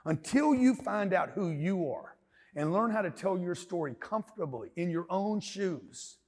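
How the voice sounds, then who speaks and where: A man in his fifties from Louisiana with a Southern accent, giving a loud, emphatic, rambling and jokey seminar talk as a business mentor. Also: high voice, lively intonation, measured pace. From Louisiana, USA. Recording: long hall reverb.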